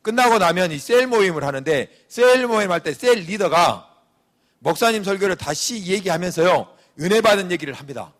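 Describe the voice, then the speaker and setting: Animated Korean male pastor preaching. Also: high-pitched, fairly quick. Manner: animated preaching, acting out quoted voices. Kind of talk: sermon.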